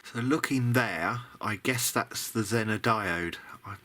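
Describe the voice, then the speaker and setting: A slow-speaking man with a lowish, sharp-toned voice comments informally while working at a bench. He muses tentatively, as a hobbyist might in a video diary, and there is noticeable background noise.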